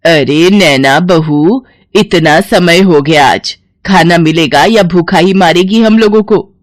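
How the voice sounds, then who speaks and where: A woman voicing a harsh older mother-in-law in an animated story, scolding in slow, drawn-out words. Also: sits low.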